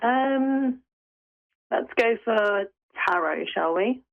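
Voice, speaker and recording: A woman's voice: fairly high pitch, expressive, extremely slow, vocal fry. A woman from the UK calling in to a show, speaking hesitantly over a clipped phone line. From United Kingdom. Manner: hesitant, unsure. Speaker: caller. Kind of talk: call-in chat. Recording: muffled phone call.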